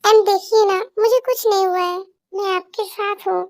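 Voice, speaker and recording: A woman's voice: extremely high pitch, steady tone, moderate pace, dry recording, clean studio sound. A woman voicing a playful, teasing young woman in an amateur audio drama dub. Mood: coaxing. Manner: teasing, coaxing.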